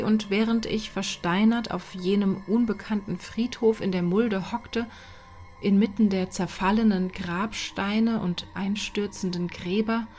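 A woman reading a horror story aloud in a dramatic, hushed manner that often drops to a whisper. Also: mid-range voice. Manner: slow, hushed, sinking to whispers. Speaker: reader.

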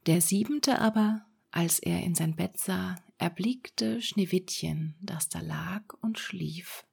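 Slow husky whispering woman storyteller. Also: lowish voice. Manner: soft, unhurried whisper. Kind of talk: whispered ASMR fairy-tale reading.

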